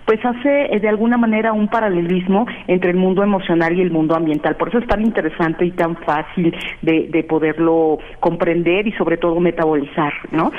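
A woman's voice: fairly low pitch, fairly even intonation, a little fast, few pauses. A woman from Mexico, a guest institute director, speaking in a radio interview by phone with many fillers. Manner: affirming, talks with many fillers. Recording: phone line.

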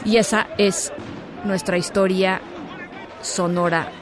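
A woman's voice: mid-range voice, fairly even intonation, slow pace, over a noisy crowd, very noisy. A woman with a Mexican accent presenting radio news in a conversational style, as the show's host.

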